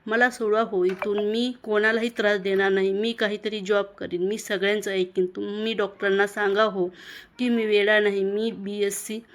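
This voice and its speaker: A woman's voice: medium pitch, level tone, normal speed, close to an everyday voice. A woman voicing a desperate young man locked in an asylum, begging tearfully to be believed and set free.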